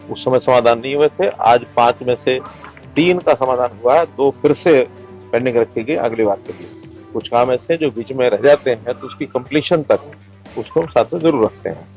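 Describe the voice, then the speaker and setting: Man, mid-pitched voice, measured statement, faint music behind. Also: darkish tone, low-quality recording. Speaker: official chairing a grievance meeting. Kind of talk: press statement.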